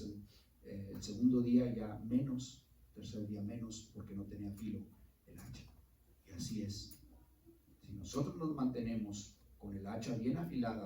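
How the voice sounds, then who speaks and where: A man's voice: on the low side, mellow, slight background noise. A man preaching a sermon, telling a story earnestly with many fillers like "este" and "eh". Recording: roomy echo, mic far off.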